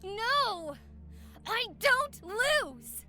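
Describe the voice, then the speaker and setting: A woman's voice: high-pitched, animated, slow, fairly bright tone, soft background music, exaggerated voice. A woman voicing a fiercely competitive, hot-tempered and petulant young female gamer in a video game. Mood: outraged. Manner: aggressive, petulant.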